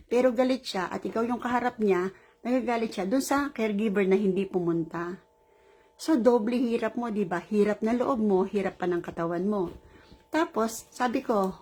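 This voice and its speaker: A middle-aged woman caregiver, tired after a long shift, telling a rambling story in a casual vlog. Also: medium pitch. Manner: rambling, animated retelling with laughs.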